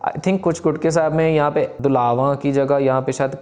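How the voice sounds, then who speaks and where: A man, teaching how to pronounce scripture. He is patient and repeats words slowly, syllable by syllable. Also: fairly high pitch, steady tone. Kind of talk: recitation lesson, explaining and chanting slowly. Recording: soft music bed behind.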